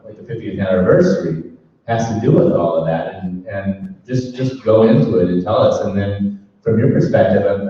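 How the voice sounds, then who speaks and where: A man's voice: on the low side, dark tone. A man hosting a live panel, asking long, rambling questions. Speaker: host and moderator. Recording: echoey, distant, muffled room recording.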